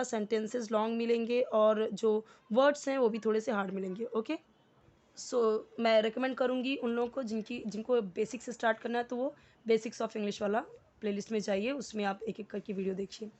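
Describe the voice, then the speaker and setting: A woman with an Indian accent teaches English with a slightly high voice. She explains each word patiently and reads example sentences slowly and deliberately, like a tutor walking a beginner through a lesson. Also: fairly even intonation, a little mellow, muffled recording. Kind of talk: step-by-step language lesson.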